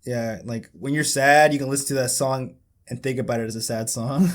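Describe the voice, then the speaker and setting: A young man chats on his podcast in a relaxed, joking way. He swears a lot and keeps breaking into lines from songs. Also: medium pitch, fairly quick. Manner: swearing, joking, chanting lyrics. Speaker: podcast co-host. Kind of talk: casual chat.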